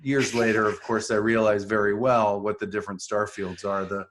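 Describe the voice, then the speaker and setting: Middle-aged man recalling details calmly. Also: fairly low pitch, moderate pace. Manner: reflective, recalls details step by step. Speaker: podcast co-host. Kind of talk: casual chat.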